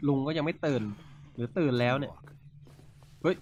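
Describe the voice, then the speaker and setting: Excitable young man narrating a game. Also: fairly high pitch, normal speed, highs cut off. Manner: excitable, exclaims and narrates gameplay. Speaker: gaming YouTuber. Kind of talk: let's play commentary.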